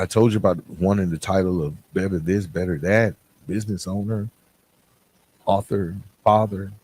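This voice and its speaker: A podcast host with a lowish, somewhat mellow voice delivers a motivational monologue straight to his listeners. He's emphatic and plain-spoken, repeating and contrasting phrases.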